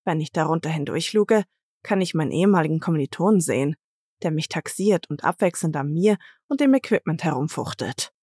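A woman reading a first-person novel aloud with measured, introspective storytelling. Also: deep voice, expressive, darkish tone, breathy edge, no echo, clean studio sound. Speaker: audiobook narrator. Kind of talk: first-person scripted narration.

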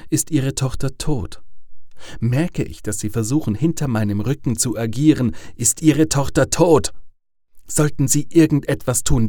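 A man voicing a cold male caller who threatens in a calm, measured way. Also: mid-range voice, no echo, clean studio sound, lightly acted.

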